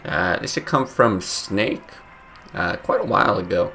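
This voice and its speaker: A man's voice: on the low side, lively intonation, measured pace, sharp tone, slight background noise. A sleepy man with his morning voice, casually thinking aloud while playing a card game, with many fillers. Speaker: game streamer. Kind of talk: casual gameplay commentary.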